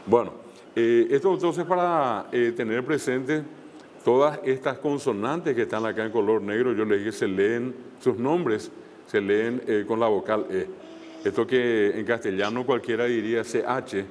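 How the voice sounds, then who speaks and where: A man's voice: mid-range voice, moderate pace, in a large hall, a little hiss or hum. A man teaching a language class online, explaining step by step with frequent fillers and repeated examples.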